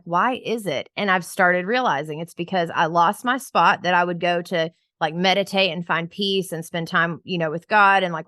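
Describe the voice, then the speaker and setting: Woman podcast host, low voice, chatty and upbeat, dry close sound. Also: fairly bright tone, dry recording. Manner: upbeat, chatty, many "like" fillers. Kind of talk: casual podcast chat.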